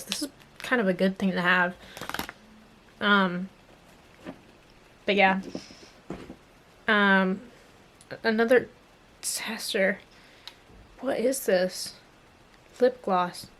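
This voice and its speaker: A woman's voice: mid-range voice, a bit bright. A young adult woman vlogger chatting casually to viewers, musing aloud and trailing off, her speech slightly hampered by a swollen mouth after dental work. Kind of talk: casual rambling chat to viewers.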